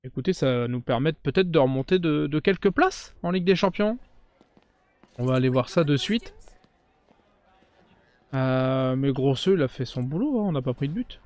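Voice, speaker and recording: A man giving casual let's-play commentary, chatting straight to his viewers and breaking into cheers and shouts during big plays. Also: mid-range voice, animated, moderate pace, pauses often. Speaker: gaming YouTuber.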